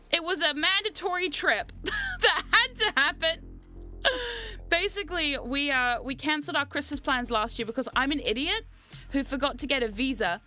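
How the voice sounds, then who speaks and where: A woman livestreamer with a very high-pitched voice chats casually to her viewers, excitable and playfully dramatic. She is jet lagged with a mild sore throat, yet sounds bright and forward as she rambles over faint music. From New Zealand. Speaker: VTuber streamer and host.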